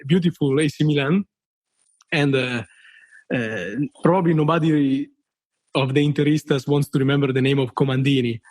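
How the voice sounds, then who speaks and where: Speaking in a medium-pitched, fairly even and slightly mellow voice with no echo, this guest is a hesitant man in his thirties from Italy whose first language is Italian. He's a listener telling stories on a casual podcast, halting, using many fillers, and swearing and laughing without restraint.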